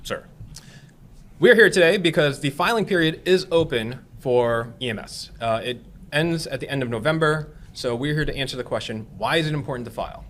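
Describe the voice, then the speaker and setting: A man's voice: mid-range voice, a little fast, a bit bright, a little hiss or hum. A man hosting a recruitment podcast as an EMS captain, upbeat and urging listeners to act. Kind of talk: casual recruitment podcast talk.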